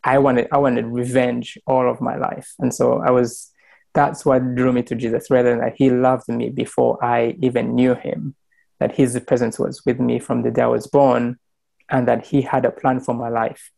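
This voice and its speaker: An earnest young man from Rwanda tells his faith story on a video call at a mid pitch. He talks through an earbud mic in a small plain room, pausing with fillers and restarting his sentences. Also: little pitch movement, gravelly, a little mellow. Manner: earnest, many fillers and restarts, gestures while talking. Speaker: church member sharing testimony. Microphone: wired earbud mic on video call.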